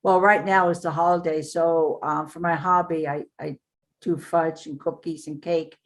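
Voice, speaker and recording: An older woman, an author, is the guest on an interview podcast, speaking in a slightly low voice with a flat delivery. In casual conversation she tells her stories earnestly and ramblingly, often pausing on fillers.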